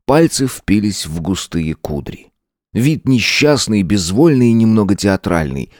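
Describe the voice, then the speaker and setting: A male narrator with a very deep voice reads an audiobook with lively, sweeping intonation. His reading is expressive and dramatic, and the recording is close and completely dry. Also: no room sound.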